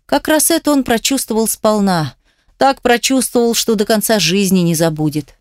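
A woman narrating an audiobook with a dramatic, expressive reading. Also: mid-range voice, moderate pace, clean tone, dry recording, clean studio sound.

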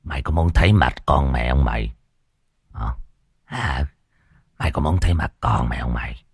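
A rough, husky gangster voice, low and slow, tough and full of swagger, as a man puts him on while chatting to his viewers. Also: dry recording, studio quality, full character voice. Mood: menacing.

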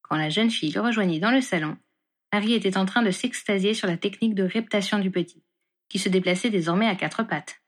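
A woman reading a story aloud in an even, measured storybook narration. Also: medium pitch. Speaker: reader.

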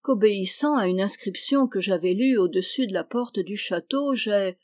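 Lady reading the part of a bashful young hero from a fairy tale, soft hesitant voice. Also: mid-range voice, normal speed, close to an everyday voice. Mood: shy. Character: young male pilgrim hero, shy and earnest.

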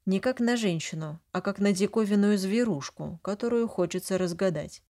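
A woman's voice: mid-range voice, moderate pace, dark tone. A woman narrating a first-person fantasy audiobook, flustered and emotional in the heroine's lines.

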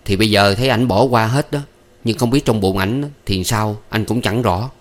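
A man voicing a young man with a Southern Vietnamese accent, awkward, evasive and hurried. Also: fairly low pitch, natural voice. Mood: uneasy. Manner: hurried, uneasy.

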